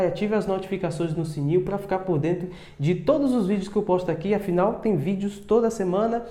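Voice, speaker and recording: A man teaching English in a casual video lesson, chatting and repeating words slowly, often checking with short tags. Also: sits high, dark tone, roomy sound.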